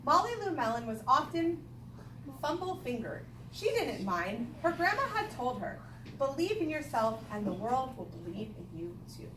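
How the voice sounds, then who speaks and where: In a classroom full of young children, a woman teacher with a high, animated voice leads a read-aloud lesson at a moderate pace. She asks questions and repeats the children's answers back in an instructional way, captured by a distant mic in an echoey, noisy room.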